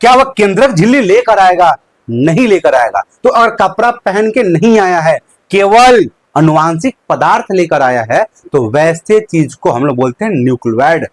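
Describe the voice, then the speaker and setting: A young male teacher gives a live online lesson. His voice sits high and swings widely up and down. He poses questions, answers them himself, and repeats each key term, all in a dry, close room. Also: animated, moderate pace, dry recording. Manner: uses a handkerchief as a prop.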